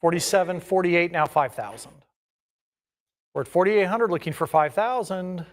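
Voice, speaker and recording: A man's voice: sits high, normal speed. A man working as an auctioneer, calling bids in a repetitive chant of numbers and increments.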